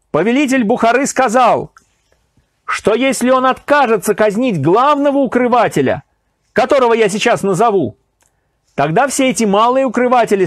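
A man's voice: very high voice, dry recording, studio quality, pitched above the performer's own voice. A man doing a bold ringing trickster hero. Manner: ringing, firm, declamatory. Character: bold clever male trickster, defiant hero.

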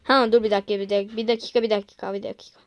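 A woman's voice: medium pitch, flat delivery, very fast, no echo, lightly acted. A woman playing a strict, demanding female office boss who gives curt orders. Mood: commanding.

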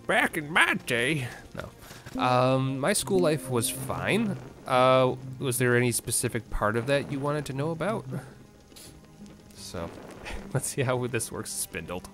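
A man talks slowly through a live game stream, his pitch rising and falling a lot as he reads chat and reacts. His tone is wry and easygoing. Game music plays clearly behind him. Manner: relaxed, wry, chatting with viewers between gameplay reactions. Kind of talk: live gameplay commentary.

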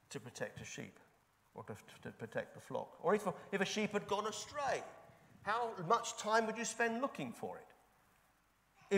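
A pastor with a high, slightly bright voice preaches a sermon into a fixed microphone in a church. He talks conversationally, leaning on rhetorical questions and repetition, and the reverberant church hall echoes around him.

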